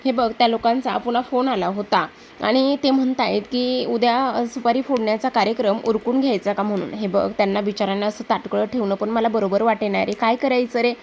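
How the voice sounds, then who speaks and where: A woman voicing a bossy, irritable middle-aged woman who scolds her servants in a sharp tone. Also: fairly high pitch, steady tone, a little fast, vocal fry, a little hiss or hum. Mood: grumbling.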